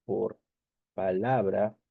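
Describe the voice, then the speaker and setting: A man's voice: fairly low pitch, fairly even intonation, very slow, gravelly, breathy edge, dry recording, narrow, tinny audio. A male teacher explaining a lesson over slides, repeating key points and checking in with short tag questions.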